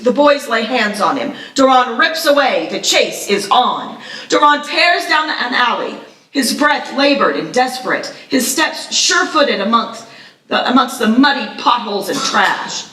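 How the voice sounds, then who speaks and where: At a live festival table read in an echoey room, a woman reads the screenplay's action aloud as narrator, picked up by a distant mic. Her voice is high-pitched with a sharp tone, and her delivery is dramatic and vivid.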